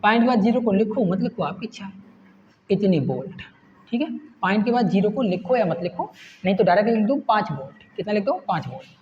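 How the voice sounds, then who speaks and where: A man's voice: high-pitched, lively intonation, quick pace. A male teacher explaining a problem step by step, putting questions to the class and answering them himself. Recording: echoey room, dull lo-fi sound, faint hiss.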